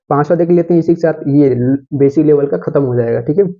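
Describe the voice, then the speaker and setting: Man teaching English grammar, dull audio. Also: on the high side. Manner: explains slowly, repeats phrases, checks with 'theek hai'. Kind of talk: Hindi-to-English grammar lesson.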